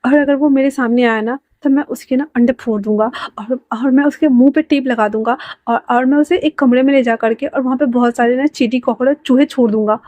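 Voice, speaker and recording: Stubborn young guy all huffy and indignant a woman doing him, kinda high, dry mic. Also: steady tone, brisk, few pauses, darkish tone, no room sound, close to an everyday voice. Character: angry young man, sulking and stubborn.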